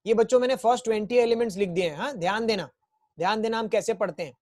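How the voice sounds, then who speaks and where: A male school teacher giving an online chemistry class, coaxing students and chanting memory rhymes slowly and repeatedly. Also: high-pitched, a little mellow, dry recording.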